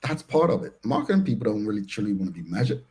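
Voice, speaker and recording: A man's voice: lowish voice, very animated, fast, warm tone. A man with a Bermudian accent hosting a talk show, speaking colloquially and emphatically in casual, opinionated discussion.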